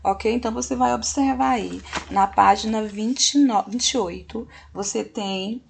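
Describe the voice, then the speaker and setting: A woman teacher giving a recorded lesson, patient and slow, often checking in with "ok?". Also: fairly high pitch, a little hiss or hum. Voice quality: gravelly, husky voice.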